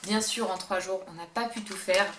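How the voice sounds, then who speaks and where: A woman's voice: medium pitch, steady tone, normal speed, a bit bright. Female vlogger, upbeat casual delivery with hesitations, roomy echo, faint hum. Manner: chatty and upbeat, with frequent hesitations. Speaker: beauty and travel vlogger. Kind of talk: casual face-camera travel tips chat. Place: indoor room, talking to camera.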